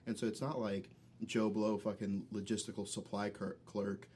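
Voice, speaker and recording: A man's voice: lowish voice, flat delivery, moderate pace, a little mellow, slight background noise. A man, a military veteran and podcast guest, chatting casually and bluntly with heavy swearing. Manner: profane, blunt. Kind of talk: casual chat.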